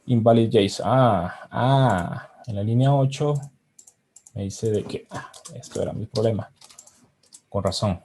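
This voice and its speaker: A man giving a live technical demo, thinking aloud with halting restarts while he types commands. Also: lowish voice, dark tone, slight background noise.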